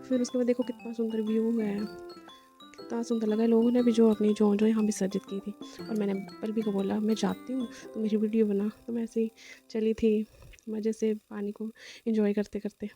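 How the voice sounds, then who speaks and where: A woman's voice: medium pitch, level tone, fairly quick, mellow, faint music behind. A young woman narrating her day out with a friend in a rambling, chatty vlog voice-over, full of fillers. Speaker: vlogger.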